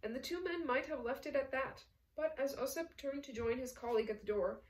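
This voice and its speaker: A woman narrating a novel as an audiobook in a smooth, measured storytelling manner. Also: high voice, roomy sound, distant mic, poor audio. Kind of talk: scripted narration.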